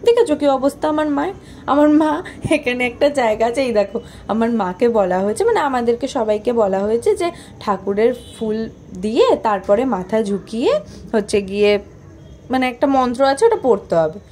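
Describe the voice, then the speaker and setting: A woman's voice: a little high, lively intonation, normal speed, a little mellow, slight background noise. A young woman narrating her own vlog in a chatty, playful, self-mocking voice-over. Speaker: vlogger.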